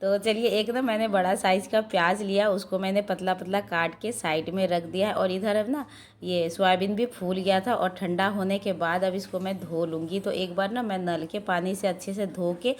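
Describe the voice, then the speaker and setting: A woman in her thirties with a hoarse voice from a sore throat, narrating a casual cooking and daily-life vlog from her home kitchen in a chatty, rambling way. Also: medium pitch, fairly even intonation, normal speed, slight background noise. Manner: chatty, rambling, frequent filler "ना". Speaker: vlogger and mother.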